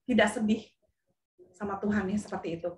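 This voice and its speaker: A woman's voice: medium pitch, fairly quick, recorded from a distance, slight background noise. A woman, a parent guest, earnestly telling a heartfelt personal story in a webinar. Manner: earnest, heartfelt, animated retelling. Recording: echoey room.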